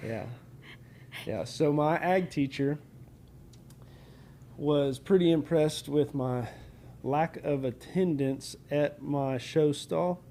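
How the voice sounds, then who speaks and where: A man's voice: a little high, takes it slowly, long pauses, warm tone. A man hosting a podcast, telling stories in casual conversation. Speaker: podcast host. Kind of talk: casual storytelling. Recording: clear background ambient noise.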